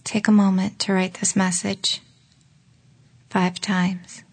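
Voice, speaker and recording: A woman leading a guided relaxation exercise in a slow, soft voice that often drops into a whisper. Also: medium pitch, flat delivery, slightly rough. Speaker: meditation guide.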